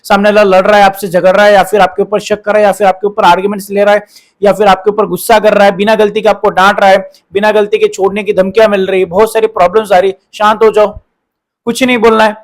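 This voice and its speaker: A man's voice: sits high, level tone, quick pace. A man hosting a relationship advice talk, lecturing viewers in a repetitive style full of rhetorical questions and quoted examples.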